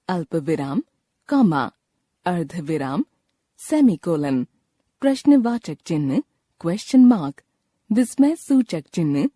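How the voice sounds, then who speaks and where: A woman reading a Hindi grammar lesson in a slow, clear, teacherly way. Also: fairly low pitch, mellow, dry recording. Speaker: textbook narrator. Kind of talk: scripted lesson narration. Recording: dry close studio recording.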